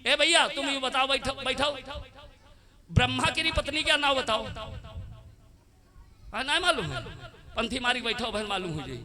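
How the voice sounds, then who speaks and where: A man's voice: very high voice, unhurried, long pauses, pushed and bright. A man preaching a devotional story, acting out characters and quizzing his listeners. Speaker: Bhagavat katha preacher. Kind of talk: live devotional discourse with chanting. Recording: live event with music behind. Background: music.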